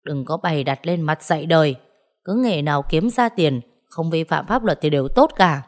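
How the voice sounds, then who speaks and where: A woman voicing a gruff, stubborn old male village butcher who talks bluntly and scolds. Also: low-pitched, animated, moderate pace. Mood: scornful.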